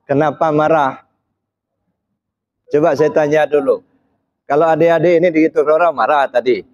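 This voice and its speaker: A man's voice: on the high side, fairly even intonation, moderate pace, darkish tone. Preacher quizzing his audience. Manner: questions the audience and presses them to answer; sprinkles frequent short "ya" checks between phrases. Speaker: Islamic preacher. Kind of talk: interactive religious study talk. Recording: slightly dull, muffled recording.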